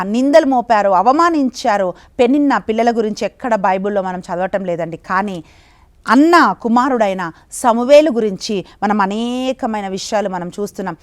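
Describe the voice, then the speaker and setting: A middle-aged woman preacher giving a sermon and leading a fervent, pleading spoken prayer. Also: medium pitch. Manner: fervent, pleading prayer with repeated address to God.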